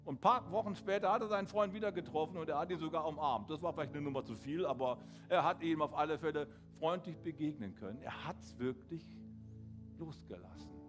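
A man preaching a sermon in German, retelling a story with animated, acted-out quotes before leading into prayer. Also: fairly high pitch, brisk, music in the background. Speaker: pastor.

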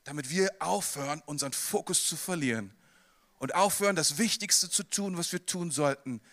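A man preaching a sermon in a conversational, animated way, often speaking straight to the listener with questions. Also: on the high side, moderate pace.

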